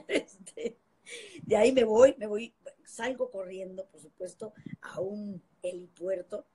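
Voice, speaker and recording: A Mexican woman, around fifty, telling a lively anecdote on a phone live stream, laughing often and acting out the voices she quotes. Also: medium pitch, slow pace, a little hiss or hum, low-quality recording.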